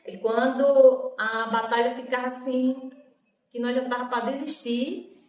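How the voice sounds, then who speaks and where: Unhurried and steady, with a slightly mellow tone, a woman tells her emotional story as a guest. She brings the people in it to life by acting out their words with rising pitch. Her voice reaches a distant mic in an echoey room.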